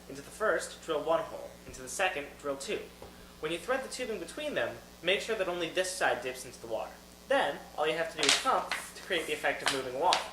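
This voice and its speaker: A man's voice: fairly high pitch, pushed and bright, a little hiss or hum, rough recording. A man hosting a how-to video tutorial, presenting step-by-step instructions.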